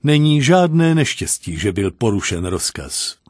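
A man's voice: mid-range voice, sing-song, no echo, studio quality. A man voicing a young woman general, kind but commanding, who asks firm questions and gives orders.

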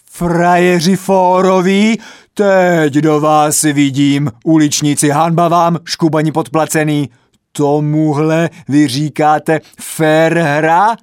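A man's voice: mid-range voice, darkish tone, dry recording, clean studio sound, natural voice. A man voicing a proud, hot-tempered male football fan with a red nose, ranting shrilly in a read-aloud comic story. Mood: furious.

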